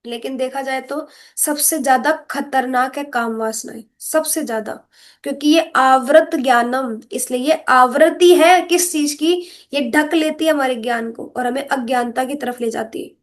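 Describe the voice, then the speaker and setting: A woman giving an earnest scripture lecture, explaining verses and asking rhetorical questions, sometimes chanting Sanskrit lines slowly. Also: high voice. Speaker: spiritual teacher.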